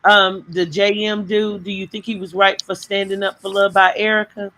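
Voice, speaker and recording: A woman's voice: mid-range voice, little pitch movement, normal speed, background noise. A woman hosting a live chat show, sassy and teasing as she talks to her guests. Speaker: host. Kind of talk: casual chat.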